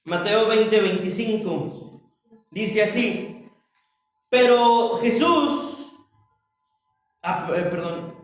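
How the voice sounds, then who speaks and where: Slow-speaking pastor in a roomy church. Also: male voice, sits high. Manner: slow, halting, with frequent restarts and asides to the congregation. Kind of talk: Bible study sermon. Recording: roomy church hall, mic at a distance.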